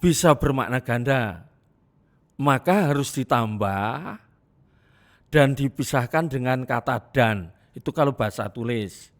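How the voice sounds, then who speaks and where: A middle-aged man giving a classroom lecture, deliberate and repetitive, stressing examples with pauses. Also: medium pitch, animated. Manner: slow, deliberate, repeats examples and emphasizes with pauses.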